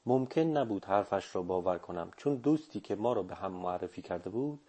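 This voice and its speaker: A man narrating an audiobook in the first person, with measured, reflective storytelling. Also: on the low side, mellow.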